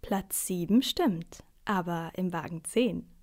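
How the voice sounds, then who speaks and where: A woman voicing the kindly Sandmännchen in a storybook reading, speaking slowly and gently. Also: on the low side. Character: Sandmännchen, kindly small bedtime helper.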